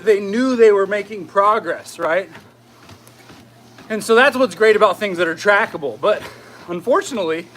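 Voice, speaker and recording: A man giving a casual motivational fitness talk as a coach while walking briskly on a treadmill, often checking in with "right?". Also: sits high, fairly bright tone, a little hiss or hum. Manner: conversational, often tags phrases with "right?".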